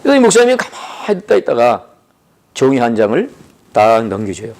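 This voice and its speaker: A man's voice: huge pitch swings, brisk. A man preaching a revival sermon in a conversational way, often turning to his listeners for agreement and acting out little dialogues. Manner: conversational, keeps asking listeners "right?"; acts out dialogues in lowered, softer voices. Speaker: pastor.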